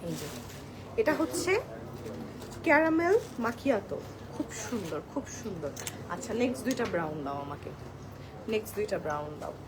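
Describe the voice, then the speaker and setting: Hosting a live-stream sale in a crowded indoor store outlet, a woman with a medium-pitched, very animated voice shows products at a moderate pace, pausing often. She chats with viewers, addressing them as apu and switching between soft and loud talk. Her clip-on mic picks up background noise from the busy shop's chattering shoppers.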